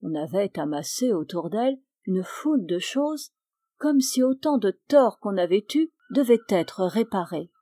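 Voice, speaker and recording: A woman with a French accent reading a literary novel aloud as an audiobook, in a measured, calm storytelling manner. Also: medium pitch, no room sound. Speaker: audiobook reader.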